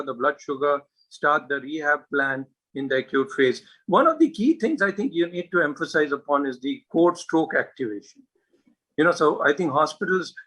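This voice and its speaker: Speaking on the high side with a sharp, slightly rough tone, a male neurologist lectures on medicine, earnest and emphatic yet hesitant, leaning on fillers like "uh" and "you know" and posing rhetorical questions. It's a rough recording.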